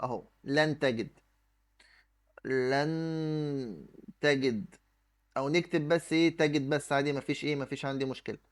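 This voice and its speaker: A man's voice: mid-range voice, moderate pace, pauses often. A man with an Egyptian accent teaching an exam review lesson, explaining step by step and answering his own questions while he writes on the screen. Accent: Egyptian Arabic. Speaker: Arabic teacher.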